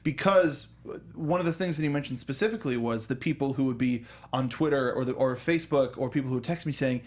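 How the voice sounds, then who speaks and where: A man with a mid-range voice co-hosts a casual talk show about films and video games, talking quickly in stop-start bursts. He repeats words and slips into mimicked quotes while telling stories.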